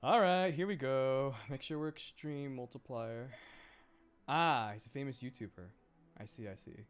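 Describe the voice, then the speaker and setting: Reacting to viewers during a game livestream, a man rambles in a relaxed, chatty way and keeps repeating himself. He has a mid-range, clean-toned voice and a moderate pace.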